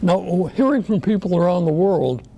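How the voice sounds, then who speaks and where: Male host, gravelly and mellow, halting questions, faint noise. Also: high-pitched, expressive. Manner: hesitant, gently stammering questions. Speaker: talk show host. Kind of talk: interview questions.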